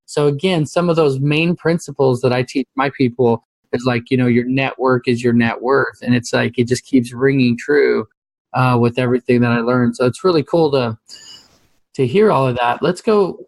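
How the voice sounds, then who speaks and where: Male podcast host, conversational, mid pitch, dry close sound. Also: normal speed, a little mellow, dry recording. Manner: conversational, checks in with "right?". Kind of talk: casual interview.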